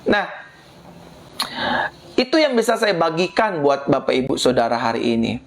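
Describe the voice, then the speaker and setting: A woman's voice: deep voice, sing-song, moderate pace. A middle-aged woman pastor preaching a sermon, repeating phrases and addressing the congregation directly.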